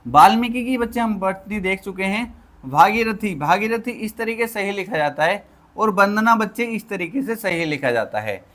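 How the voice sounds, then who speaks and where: High-voiced male Hindi tutor drilling spellings. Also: lively intonation, moderate pace, bright, forceful tone. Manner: repeats each word, addresses students as children; drills by asking and answering himself. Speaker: Hindi teacher for exam prep. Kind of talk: online spelling lesson.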